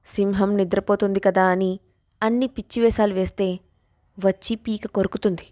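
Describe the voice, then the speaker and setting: A woman doing a cold, threatening young man in a storybook tale, speaking low and stern. The recording is dry and close. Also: fairly even intonation, moderate pace, warm tone, no room sound, natural voice. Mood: menacing.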